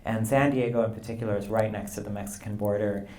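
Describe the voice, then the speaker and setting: A man in his fifties, a poet being interviewed, talking in a relaxed, rambling way with frequent "you know" and light laughs. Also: on the low side, fast talker. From Canada and the U.S. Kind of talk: conversational interview. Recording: roomy live event sound.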